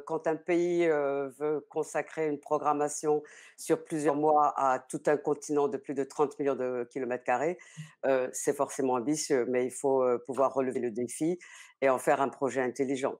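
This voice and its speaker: A middle-aged woman, the general commissioner of an arts season, answering interview questions over a video call from a study, measured and full of hesitations. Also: deep voice, fairly even intonation, darkish tone. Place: study with bookshelves.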